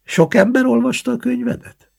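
A man's voice: vocal fry, a little mellow, breathy edge, full character voice. A man voicing an anxious, sheltered elderly grandmother in an audiobook reading. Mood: worried. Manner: high, pleading old woman's voice. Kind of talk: audiobook character voice.

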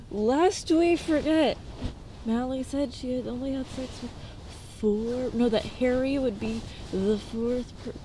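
A woman's voice: fairly high pitch, fairly even intonation, a little slow, warm tone, a little hiss or hum. A young woman in casual commentary, sarcastic and profane, with laughing asides.

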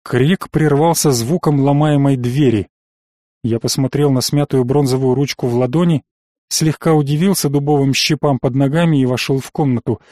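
A man narrating a first-person fantasy audiobook in a measured, tense storytelling manner. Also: mid-range voice, steady tone, warm tone, no room sound, clean studio sound.

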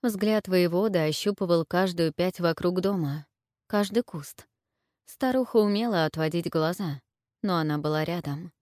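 In a clean studio recording with no room sound, a woman reads an audiobook aloud. Her voice is on the low side, and her storytelling is steady and measured.

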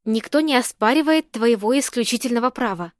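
A woman reading the lines of a cool, ironic woman who speaks slowly, calmly and precisely. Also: a little high, dry recording, studio quality, natural voice.

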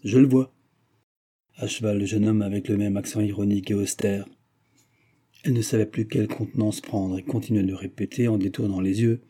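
A man narrating a classic novel as an audiobook in a measured, even manner. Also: on the low side, husky. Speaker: audiobook reader.

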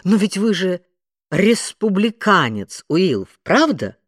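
A man's voice: high voice, huge pitch swings, slow, fairly bright tone, no echo, studio quality, voice pushed up, exaggerated voice. A man voicing a pushy female television reporter in an audiobook, speaking shrilly and triumphantly.

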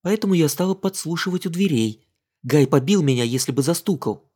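A man's voice: fairly high pitch, lively intonation, a little fast, darkish tone, breathy edge, voice pushed up. A man reading an audiobook voices a playful, mocking young English woman in a raised voice. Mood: teasing.

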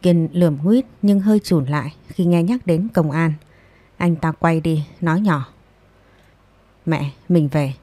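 Low-voiced woman narrating a romance story. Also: normal speed, mellow, no room sound. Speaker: storyteller and channel host.

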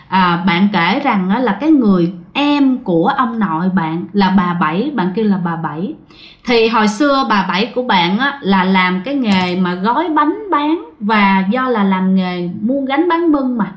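A woman tells ghost stories casually and keeps speaking to her listeners. Her voice sits a bit high. The recording is muffled and roomy. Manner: chatty, addresses the audience often. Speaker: ghost story narrator.

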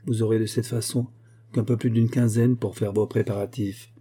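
A man's voice: fairly low pitch, level tone, moderate pace, mellow, husky. A man voicing a stern old banker. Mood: lecturing. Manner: severe, commanding. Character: stern elderly male banker, severe and unforgiving.

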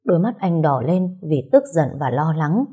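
Woman storyteller, calm, low pitch. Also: normal speed, husky. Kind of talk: scripted story narration.

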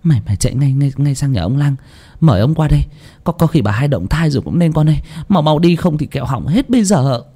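A man voicing an anxious old village woman who gives hurried, stammering orders in a raised voice. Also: animated, warm tone, husky. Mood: urgent. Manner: urgent, stammering, raised pitch.

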